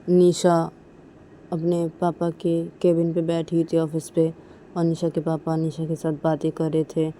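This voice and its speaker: A woman's voice: sits low, mellow, slight background noise. A woman narrating a romantic story casually, retelling each action plainly and repeating names often.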